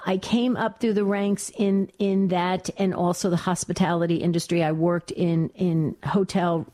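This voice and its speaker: Chatty older woman radio host. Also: on the low side. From New Jersey. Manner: chatty, warm-hearted, many restarts. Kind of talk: talk radio monologue.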